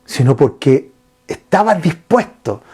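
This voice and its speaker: A man's voice: fairly high pitch, slow pace, slightly rough. A man preaching a sermon as pastor, asking his listeners questions and retelling scripture. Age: adult father. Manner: lively preaching with rhetorical questions to the congregation.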